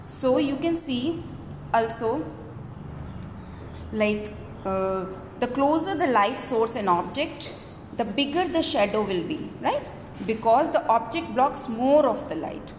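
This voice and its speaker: A female school teacher gives an earnest lecture, explaining things step by step and often ending phrases with a questioning "right?" to check in with students. Her voice sits on the high side, animated yet slow-paced and slightly mellow. The room is echoey and reverberant, with background noise.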